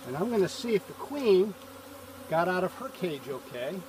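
High-voiced man explaining beekeeping outdoors. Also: moderate pace, background noise. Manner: calm, explains step by step while working. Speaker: hobby beekeeper. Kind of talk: casual how-to narration. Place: outdoors on a farm field by a beehive. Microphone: camera a few feet away, speaker in a bee suit and veil. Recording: distant outdoor camera audio, buzzing bees.

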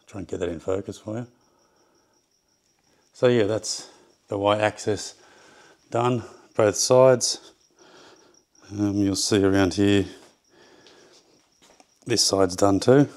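A man casually walking through his workshop build, halting often with ums and restarts as he measures and explains. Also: lowish voice, darkish tone. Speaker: home builder showing his project. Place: home garage workshop.

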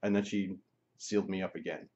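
A man's voice: low-pitched, steady tone, brisk, darkish tone, lo-fi sound. A man telling a personal story in a casual, chatty way, with frequent ums and laughs. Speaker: channel host.

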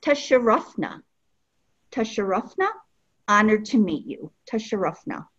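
A woman teaching a language lesson, speaking patiently and repeating each phrase slowly so learners can follow. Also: mid-range voice, big pitch swings, fairly bright tone, slightly rough, lo-fi sound. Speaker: Arabic teacher.

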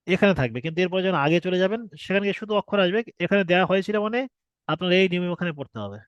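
A man's voice: sits high, no room sound. A man teaching an online class on the shapes and pronunciation of the alphabet, explaining patiently and repeating himself with rhetorical questions. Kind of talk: online recorded class lesson.

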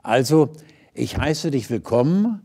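Storybook owl, old and knowing, dry humor, gravelly, read by a man. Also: mid-range voice, big pitch swings, measured pace, warm tone, exaggerated voice. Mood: amused. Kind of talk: storybook reading.

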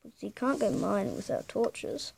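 A woman's voice: medium pitch, lively intonation, normal speed, vocal fry, darkish tone, breathy edge. A young woman casually commentating her gameplay, thinking aloud hesitantly and humming to herself. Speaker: gamer.

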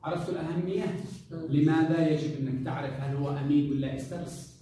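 A male lecturer teaching a classroom, speaking quickly with a warm, mellow tone. He keeps throwing questions at the students and drops English technical terms into his talk. The sound is roomy and distant, with faint background noise. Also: a little high, steady tone. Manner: quizzing students with rhetorical questions; mixes English drug terms into colloquial Arabic. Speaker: pharmacology lecturer.

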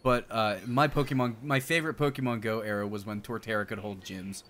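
A man in his thirties co-hosts a video game stream from an indoor setup, bantering playfully and profanely over gameplay and game music and bursting into snippets of song. His voice is lowish, steady and fairly bright, and he talks fairly quickly. There's slight background noise.

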